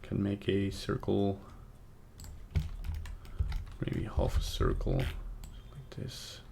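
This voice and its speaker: A young Belgian man with a Belgian accent hosts a casual live 3D tutorial with chat from his home desk, rambling and muttering to himself as he thinks aloud while working. He speaks very slowly in a fairly low, gravelly, warm voice with big swings in pitch. There is slight background noise along with faint typing and clicks.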